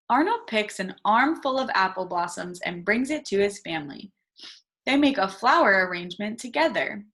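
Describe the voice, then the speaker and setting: This is a woman teacher with a medium-pitched, fairly bright voice. She does an interactive read-aloud for little kids in brief, simple sentences, asking questions along the way and instructively stressing key words slowly.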